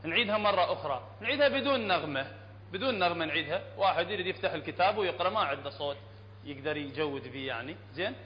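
High-voiced Iraqi man teaching Quran recitation. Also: expressive. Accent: Iraqi Arabic. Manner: explains plainly, checks often with the class, chants verses slowly. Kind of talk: classroom tajweed lesson. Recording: dull lo-fi hall recording, faint hum.

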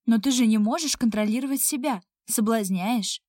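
A woman's voice: on the high side, moderate pace, darkish tone, no echo, natural voice. A woman voicing a domineering young blond man who gives commands in a mocking tone, in a dry, close audiobook reading. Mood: commanding.

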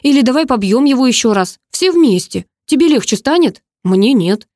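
A woman's voice: high-pitched, animated, normal speed, a little mellow, no room sound, clean studio sound, voice pushed up. A woman voicing an anxious middle-aged mother who pleads with her family, in a novel reading. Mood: pleading. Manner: pleading, tearful emphasis.

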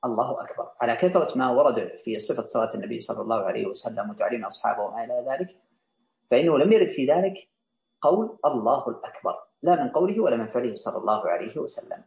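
Reading a classical legal text line by line, an Islamic jurisprudence teacher rephrases and explains each one to his students. His medium-pitched voice is expressive, rapid-fire and a little mellow, with vocal fry, captured in a roomy, slightly dull recording.

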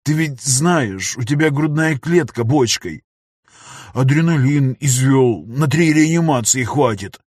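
A man with a husky voice voicing a grieving old man who murmurs slowly through tears. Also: medium pitch, lively intonation, darkish tone, no echo, clean studio sound. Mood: tearful. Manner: slow, tearful murmuring. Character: grieving old man, the professor's loyal friend.

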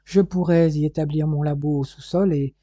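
A man's voice: on the high side, steady tone, normal speed, dark tone, no room sound, close to an everyday voice. A man reading as a decisive loving husband. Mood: fond. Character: eminent male researcher, loving decisive husband.

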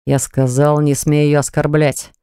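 An audiobook narrator voicing a jealous, hot-tempered man who snarls and hisses his lines low. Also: a little fast, a little mellow, smooth, no echo, clean studio sound, natural voice. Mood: snarling.

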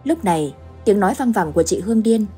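A woman reads a ghost story aloud, building suspense in a steady scripted delivery. Her voice is husky and slightly breathy, at a middle pitch, with faint music underneath. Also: fast. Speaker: narrator.

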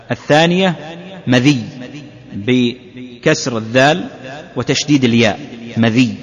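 Male sheikh teaching in an echoing hall. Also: medium pitch. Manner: deliberate, repeats key phrases to drive them home. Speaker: sheikh teaching a classical text. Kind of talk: religious lesson explaining hadith. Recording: reverberant hall, dull lo-fi sound.

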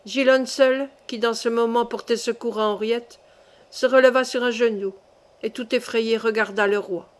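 A woman reading a classic novel aloud as an audiobook narrator, with steady, measured storytelling. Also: on the high side.

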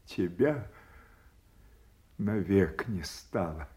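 An actor playing a frail, confused old king stricken with grief, speaking haltingly with long pauses in classical stage style. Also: sits low, animated, darkish tone, full character voice. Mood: grieving, anguished. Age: older. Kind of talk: classical theatrical audio drama acting.

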